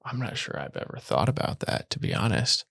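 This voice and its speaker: A young man from Iowa chatting as a podcast guest, relaxed and quick to laugh. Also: mid-range voice, creaky, breathy edge, no echo, studio quality. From Iowa, USA. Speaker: podcast guest, video production business owner. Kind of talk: casual interview conversation.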